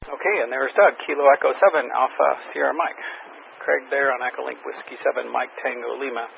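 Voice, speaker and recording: Net control operator, male, gravelly, orderly phonetic call-sign reads, tinny two-way radio with light static. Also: mid-range voice, fairly even intonation, fairly quick. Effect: heard over a two-way radio with static. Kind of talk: running a ham radio check-in net.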